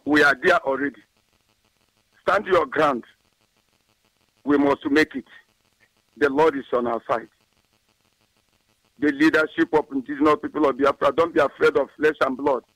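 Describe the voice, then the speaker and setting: A man's voice: fairly high pitch, a bit bright, no echo, low-quality recording. A man praying and exhorting his people, then making a community announcement on a radio call-in, in a preacherly manner.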